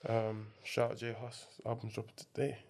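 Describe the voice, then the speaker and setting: A man's voice: mid-range voice, completely flat delivery, moderate pace, creaky, darkish tone. A young man with a London roadman accent chats casually on a podcast in emphatic, slangy speech, often repeating himself. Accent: London, urban roadman slang.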